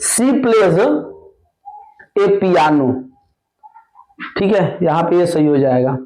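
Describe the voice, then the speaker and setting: धीमे बोलने वाला, ऊँची आवाज़ वाला शिक्षक. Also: male voice, fairly high pitch, lively intonation, a little mellow, poor audio. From India. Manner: slow, repeats answers word by word. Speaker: English teacher. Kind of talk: exam-prep grammar lesson.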